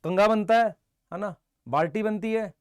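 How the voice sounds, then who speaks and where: Guy teaching biology online, high voice, dry close sound, fires questions n answers them himself. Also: smooth, no echo. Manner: brisk, quizzing students and answering for them; mixes Hindi with English terms. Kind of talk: live online exam-prep lecture.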